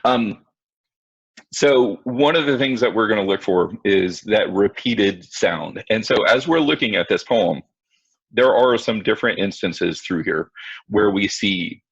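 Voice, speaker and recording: A male teacher leads an online class in a low, gravelly, slightly husky voice. He talks to his students directly, casual and self-mocking. The sound is dry and a bit dull, like computer audio from a video call. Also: expressive, measured pace, dry recording. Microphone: computer mic on video call.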